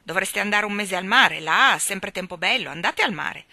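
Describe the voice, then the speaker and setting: A woman voicing a blustering old naval admiral who shouts nautical oaths. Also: medium pitch, animated, moderate pace, gravelly, dry recording, heavily acted. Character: blustering old seafaring admiral, gruff man.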